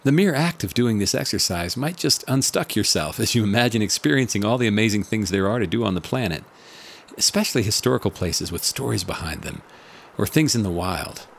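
Low, gravelly man guiding a meditation. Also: animated, a little fast. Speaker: meditation podcast host. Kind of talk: scripted narration and guided meditation.

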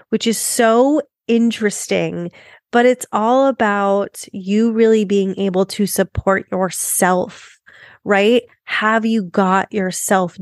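A woman's voice: mid-range voice, dry recording, clean studio sound. A woman podcast host with a nasal, congested tone from being under the weather, chatting informally and enthusiastically to her listeners. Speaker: podcast host, business coach.

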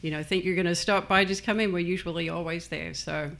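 An Australian woman with a bright, gravelly voice, chatting easily about her business. She sounds relaxed and talkative as an interview guest. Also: fairly low pitch, a little fast. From born in New Zealand, raised in Australia. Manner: chatty, easygoing. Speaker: guest, small business owner. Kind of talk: casual interview conversation.

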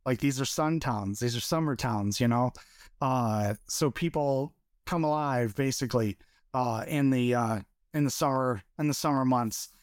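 A man's voice: mid-range voice, moderate pace, no echo, clean studio sound. A man from Michigan, a podcast guest, talking casually and hesitantly with many fillers and restarts. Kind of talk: casual interview chat.

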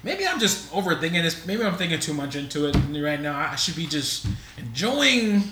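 A man's voice: fairly high pitch, very animated, moderate pace. A man in his mid-twenties, co-hosting a casual podcast chat, laid-back and easy to laugh. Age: 20s. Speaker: podcast co-host. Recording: echoey room, faint noise.

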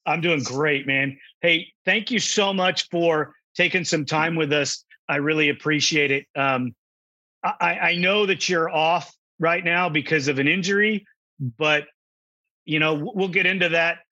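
A male podcast host chats easily, leaning on fillers as he eases into his questions. His voice is bright with a husky edge. The sound is dry and a little dull. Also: fairly high pitch, measured pace, no echo. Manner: friendly, relaxed questioning with fillers. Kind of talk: casual interview.

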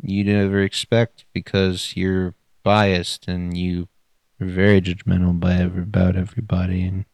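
A young man co-hosting a casual podcast chat, animated and jokey. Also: low voice, moderate pace, creaky, no room sound. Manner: animated, jokey, laughs often. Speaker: podcast co-host.

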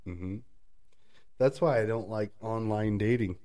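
A man co-hosts a casual chat, telling stories, laughing often as he talks, and mimicking people in high voices. He speaks at a measured pace with a mellow voice.

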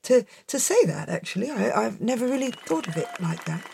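A woman's voice: on the high side, sing-song, fairly quick, gravelly, mellow, slight background noise. A woman voicing a bashful, embarrassed male king who hesitates and mumbles his thanks. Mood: flustered.

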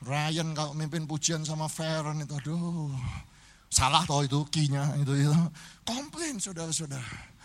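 A middle-aged man, a pastor, preaching a humorous sermon to a live church congregation, addressing them constantly and breaking into sung and shouted phrases. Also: a little high, level tone, moderate pace.

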